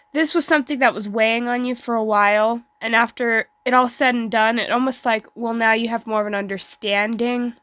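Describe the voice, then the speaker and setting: A woman who is sick, as with flu, giving a casual tarot reading to online viewers in a hesitant, pausing way. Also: fairly high pitch, fairly bright tone, dry recording. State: sick, as with flu, voice may give out. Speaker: tarot card reader.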